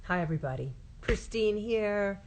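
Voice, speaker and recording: Speaking at normal speed with a medium, animated, slightly mellow voice, a host in her forties runs a relaxed live-streamed interview from indoors at home. She's bubbly and eager, filling gaps with frequent ums. The laptop webcam mic of the video call adds a little hiss or hum.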